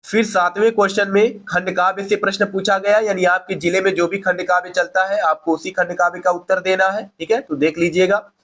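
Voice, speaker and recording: A man's voice: sits high, fairly even intonation, fairly quick, hardly any pauses, fairly bright tone. A male teacher walking students through an exam paper, asking questions and answering them himself, with frequent fillers. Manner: explains step by step, asking and answering his own questions; fillers like "theek hai". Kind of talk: exam paper walkthrough lesson.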